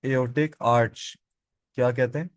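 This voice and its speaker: A man's voice: mid-range voice, fairly even intonation, a little slow, no echo. A man teaching biology in a classroom, asking his students questions and answering them himself, and repeating the key terms. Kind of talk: classroom lecture.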